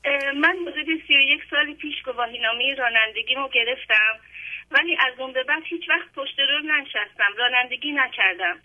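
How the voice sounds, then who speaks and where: A woman calling in to a program, speaking politely and formally with heartfelt thanks. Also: high-pitched. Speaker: caller. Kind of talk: phone-in call. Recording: dull lo-fi phone line.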